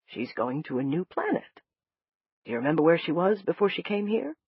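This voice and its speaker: A gentle male doctor reassures a scared patient in a soft, steady way, as a woman narrator voices him. The delivery has a slightly breathy tone with animated pitch. The recording is dry and a little dull. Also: a little fast, no echo, exaggerated voice. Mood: soothing. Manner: soothing, reassuring. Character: calm, gentle male doctor, middle-aged.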